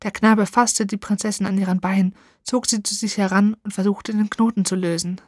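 A woman narrating a storybook in an expressive, dramatic reading. Her voice is mid-pitched and sounds dry and close, with no room around it. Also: fairly quick, no room sound.

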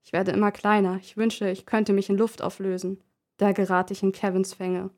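Woman, narrator, first-person story, calm, measured, steady pitch.

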